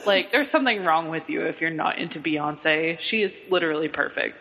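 A man's voice: fairly high pitch, brisk, sharp tone. A young man in his twenties from Kentucky, hosting a casual chat and laughing often between lines. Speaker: podcast host. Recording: muffled audio, long room reverb.

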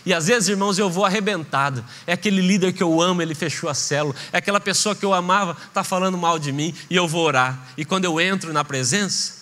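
A man's voice: high-pitched, fast, few pauses, pushed and bright. A man pastor preaching a sermon with passion, acting out short voices in his stories. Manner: impassioned preaching, acts out voices in anecdotes. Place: church. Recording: reverberant church hall.

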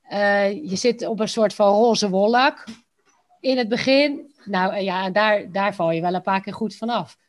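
A woman's voice: mid-range voice, a little slow. Female interview guest, Rotterdam accent, colloquial and conversational, mid-range voice. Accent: Rotterdam Dutch. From Rotterdam, Netherlands. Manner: informal and colloquial. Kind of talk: casual conversational interview answers.

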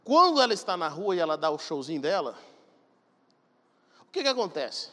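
Man, pastor preaching, fairly high voice, emphatic, long hall echo. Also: very animated, moderate pace, sharp tone. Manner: emphatic, addresses congregation directly. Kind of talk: sermon.

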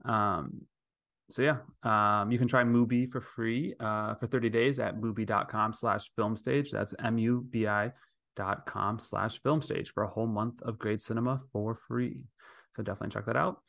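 A man's voice: fairly low pitch, steady tone, normal speed, gravelly, fairly bright tone, dry recording. A man hosting a podcast in a casual, chatty style. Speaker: podcast host.

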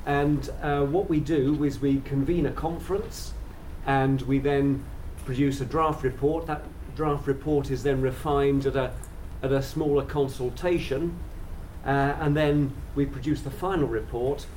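A man chairing an event, introducing it in a courteous, measured and formal way. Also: mid-range voice, fairly even intonation, a little mellow. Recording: distant mic, faint noise.

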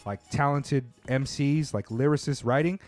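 A man hosts a loose, casual conversation, laughing often and swearing freely as he jokes with his guests. His pitch sits in an ordinary middle range, and faint music plays in the background. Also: normal speed, a little mellow. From US West Coast. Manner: laughing, profane, joking banter. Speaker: podcast host. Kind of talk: casual chat.

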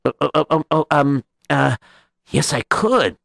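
A man's voice: fairly high pitch, expressive, measured pace, vocal fry, a bit bright, dry recording, studio quality, full character voice. A man voicing a kind, trusting young man who stammers and hesitates as he talks. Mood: flustered.

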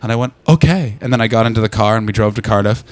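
A man doing stand-up crowd work, brash and profane, teasing the audience and breaking into loud shouts. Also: fairly low pitch, rapid-fire, dry recording. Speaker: stand-up comedian. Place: London comedy club.

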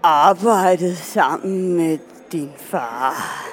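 A man's voice: fairly high pitch, animated, lightly acted. An actor playing a pushy man at a bar who knows the listener's father and probes with persuasive questions. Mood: probing. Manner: probing, persuasive. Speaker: stranger at a bar. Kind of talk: radio drama acting.

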